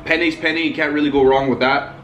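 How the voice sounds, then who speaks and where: A man's voice: on the high side, steady tone, a little fast, a bit bright, slight background noise. A young man casually reviewing packaged meals to camera, chatty and always calling his viewers guys. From Italian. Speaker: food vlogger. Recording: echoey room.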